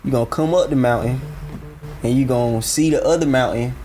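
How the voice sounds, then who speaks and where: A man's voice: mid-range voice, fairly quick, dark tone, soft background music. Laid-back young man in casual chat. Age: 20s. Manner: laid-back slang, many fillers. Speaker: guest, fashion brand founder.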